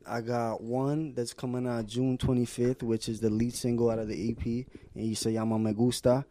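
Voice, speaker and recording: A man with a mellow, warm voice at a middle pitch and a New York Puerto Rican accent. He is a podcast guest chatting casually, slipping between two languages in laid-back slang. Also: level tone, moderate pace, no echo. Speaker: podcast guest, reggaeton artist. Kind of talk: casual chat.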